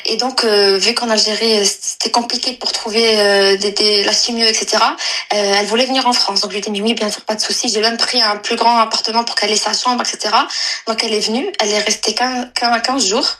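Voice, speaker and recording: Caller, woman in her twenties from Algeria, higher-pitched voice, halting delivery with restarts. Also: fairly even intonation, bright, forceful tone, poor audio. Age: 20s. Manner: hesitant, halting, many fillers and restarts. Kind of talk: personal confession on a live call.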